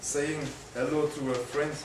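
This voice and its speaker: A man's voice: fairly high pitch, little pitch movement, a little slow. A young man reading a class presentation hesitantly, with many fillers. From France. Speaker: student. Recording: echoey room, far mic, noisy.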